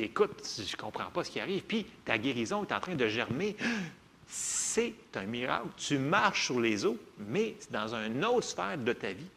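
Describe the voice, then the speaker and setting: A man preaching a sermon with a Québécois accent, talking to the congregation in a lively, conversational way and often checking in with "ok?". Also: a little high, creaky. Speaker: pastor.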